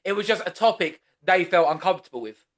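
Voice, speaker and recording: A man's voice: sits high, animated, fast, a bit bright. A man hosting a podcast, talking in casual chat, rambling and chatty with many restarts. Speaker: podcast host.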